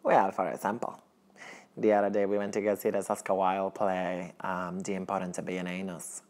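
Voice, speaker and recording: In this deadpan comedy sketch, a young adult actor portrays a naive Colombian teacher in an apartment kitchen. His tone is level and a little mellow at normal speed, lightly acted, as he talks in earnest, broken, heavily Colombian-accented English with sudden pitch jumps.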